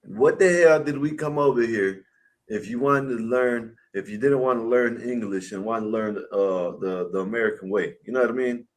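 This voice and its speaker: Mid-pitched guy on a livestream panel, blunt and ranting, swears plenty. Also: moderate pace, poor audio. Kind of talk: casual livestream panel chat. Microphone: home mic on a video call.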